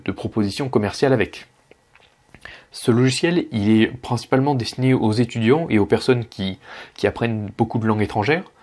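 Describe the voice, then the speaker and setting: A man's voice: on the low side, a little mellow. A young man, a Russian teacher, explaining his online course in a casual way, with many fillers and restarts.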